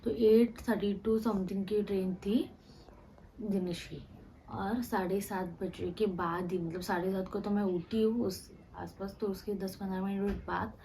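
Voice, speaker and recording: A young woman vlogger telling a personal story to camera, halting and restarting, with many fillers and English words mixed in. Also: medium pitch, fairly even intonation, dark tone, a little hiss or hum, rough recording. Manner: mixes English words into Hindi.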